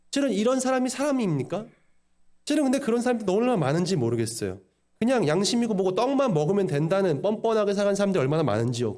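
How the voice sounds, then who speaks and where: A high-voiced man preaches quickly, his pitch leaping up and down as he drives each point home. He voices quoted questions with lively emphasis. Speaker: pastor. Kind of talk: sermon.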